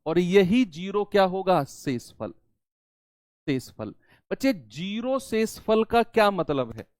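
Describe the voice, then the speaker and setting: High-voiced man teaching maths, dry sound. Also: very animated, measured pace, a little mellow, no room sound. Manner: repeats key terms in two languages, asks and answers his own questions. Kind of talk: classroom-style maths lesson.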